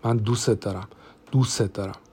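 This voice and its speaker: A man's voice: lowish voice, fairly even intonation, mellow, slightly rough. A man voicing a jealous, menacing older brother-in-law who dodges and then threatens, in an audiobook. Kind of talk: audiobook character voice.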